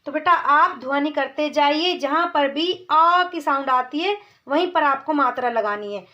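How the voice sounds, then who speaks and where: A woman teaching a children's reading lesson, calling the children "beta" and drawing out each word slowly before she repeats it. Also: sits high, sharp tone.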